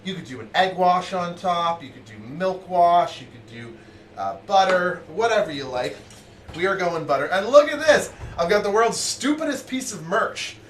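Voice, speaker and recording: Excitable high-voiced man cooking on stream. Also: normal speed, echoey room, recorded from a distance, slight background noise. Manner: excitable and jokey, reads out chat messages. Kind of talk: casual live-stream chat while cooking. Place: basement home kitchen.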